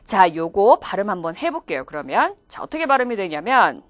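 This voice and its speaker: A woman's voice: mid-range voice, sing-song, brisk, no room sound. A woman teaching English pronunciation in a video lecture, demonstrating words aloud as she explains.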